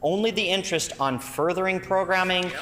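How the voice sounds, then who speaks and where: Speaking a little fast in a high, fairly bright voice, a man with a Canadian accent attacks as an opposition legislator in an emphatic, combative and critical debate speech. The recording, made in a large, reverberant indoor legislative chamber, carries a little hiss or hum.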